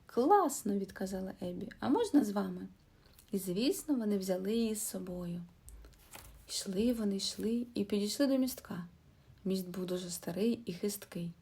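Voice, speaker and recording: Mellow, husky woman reading a children's tale. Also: mid-range voice. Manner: expressive, lively character voices. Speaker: storyteller. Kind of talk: children's audio fairy tale narration.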